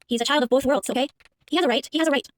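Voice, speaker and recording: A woman's voice: high voice, racing. A young woman giving casual movie commentary in a rambling way, full of fillers and restarts. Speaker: movie reaction vlogger.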